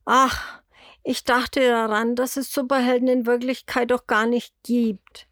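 A woman voicing a kind, curious young boy in a storybook, with a bright, eager childlike voice. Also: a little high, little pitch movement, unhurried, no room sound, studio quality, voice pushed up. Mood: sad. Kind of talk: storybook character voice.

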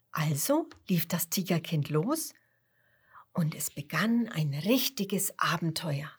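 A woman reading a children's story aloud in a gentle way, sometimes dropping to a whisper. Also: medium pitch, husky.

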